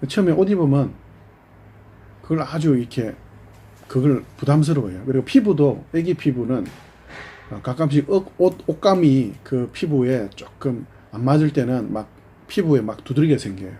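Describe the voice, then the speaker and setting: A man's voice: medium pitch, lively intonation, normal speed, mellow, husky. A man preaching a sermon as pastor, animatedly voicing both God and the people in turn.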